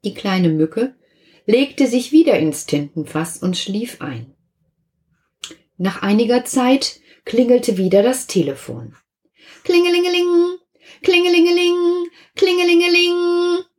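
Woman storyteller for kids, slow, lively melody, playful sound effects. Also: medium pitch. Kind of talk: reading a children's story aloud.

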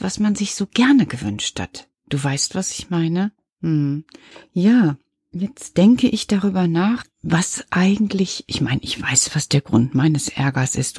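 A woman telling a gentle story in a soft, confiding way, speaking directly to the listener. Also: fairly low pitch, husky, dry recording, clean studio sound.

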